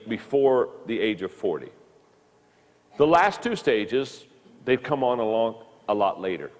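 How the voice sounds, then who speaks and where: Speaking in a large hall, this leadership teacher in his fifties has a medium-pitched voice. His recorded lesson is halting, full of stumbles and repeated words.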